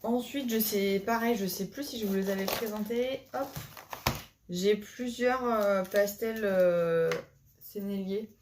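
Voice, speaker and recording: A woman's voice: medium pitch, unhurried, background noise. A woman vlogger chatting casually about her new coloring supplies, hesitant and full of fillers and restarts. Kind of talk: casual chat to camera.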